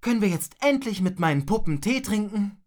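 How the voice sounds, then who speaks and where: A woman voicing a brave, quick little girl in a storybook reading. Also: medium pitch, animated, darkish tone, voice pushed up, lightly acted. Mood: eager.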